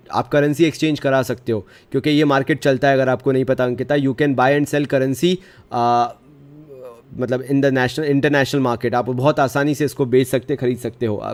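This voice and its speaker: A man's voice: medium pitch, darkish tone. A friendly young man teaching a live online commerce class, mixing Hindi and English and answering students' chat comments in a reassuring way. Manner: friendly, reassuring, calls students brother and dear; mixes Hindi with English phrases.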